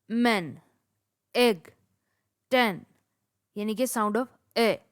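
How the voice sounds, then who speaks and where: A woman giving an English phonetics lesson, reading example words one at a time at a steady pace. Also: fairly high pitch. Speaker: English teacher. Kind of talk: slow, methodical lecture with spoken word lists.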